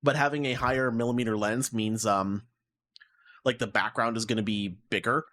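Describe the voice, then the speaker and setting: A man's voice: medium pitch, fairly even intonation, moderate pace, a bit bright. A man in casual podcast chat, venting in a rambling, exasperated way and piling on fillers as he explains. His voice sits in a middling register and comes through his own mic on an online call. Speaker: podcast co-host.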